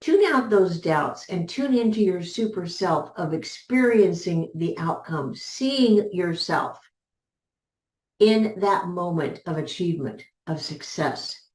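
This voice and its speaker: Slow-spoken woman business coach, roomy sound. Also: lowish voice, expressive, darkish tone. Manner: measured, repeats key words for emphasis. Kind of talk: motivational teaching talk.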